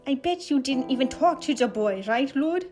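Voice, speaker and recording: A woman's voice: high voice, expressive, moderate pace, soft background music. A woman reading a fanfic aloud, voicing a brash young man who scolds his brother. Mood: scolding. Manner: shouting, scolding.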